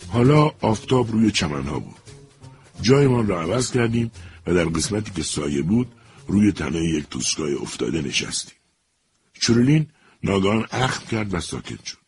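A man narrating a story in a measured, even way. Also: low-pitched, a little hiss or hum.

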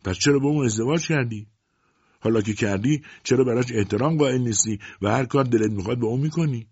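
A man's voice: mid-range voice, a little mellow, breathy edge, no room sound, voice pushed up. A man voicing a defiant, outspoken young woman who argues with her mother in a storybook reading. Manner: pleading, defiant. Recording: dull dry lo-fi audiobook recording.

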